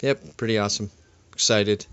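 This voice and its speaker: A man's voice: on the low side, fairly even intonation, moderate pace, a bit bright, clear, resonant tone, dry recording. A man co-hosting a podcast in casual chat, rambling with many fillers and restarts. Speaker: podcast co-host. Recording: dull, slightly lo-fi dry recording.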